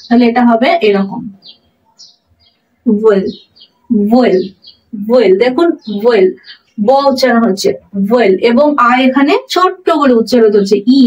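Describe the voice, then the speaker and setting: Teacher lady, kinda high voice, says each word again and again, a bit far from the mic. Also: dull audio. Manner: repeats example words slowly and deliberately. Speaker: English pronunciation teacher. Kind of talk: explaining pronunciation in a lesson.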